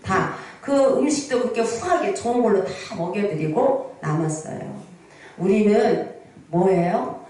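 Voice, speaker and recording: A woman in her sixties, speaking unhurriedly in a dark, mid-range voice with lively intonation, preaches as pastor in a large prayer hall. Her sermon is built on stories and frequent rhetorical questions to the congregation, recorded with hall echo from the mic's distance.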